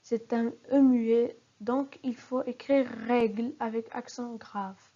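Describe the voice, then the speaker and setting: A woman with a slightly high, mellow voice leads a recorded spelling lesson. She speaks very slowly and breaks example words into syllables one at a time. The recording sounds dull and lo-fi. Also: fairly even intonation. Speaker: spelling teacher.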